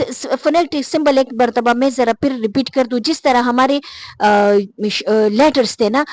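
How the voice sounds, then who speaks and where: A woman teaching English phonetics in a casual spoken lesson, who often pauses on fillers and says example words slowly, one at a time. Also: on the high side, dry recording. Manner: patient, repeats words slowly to model pronunciation; frequent hesitation fillers.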